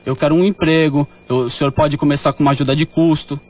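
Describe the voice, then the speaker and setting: A man's voice: fairly high pitch, steady tone, fast, a little mellow, slight background noise. A young man talking in street slang, pleading and stalling with an angry father on a prank call. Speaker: prank caller posing as a boyfriend.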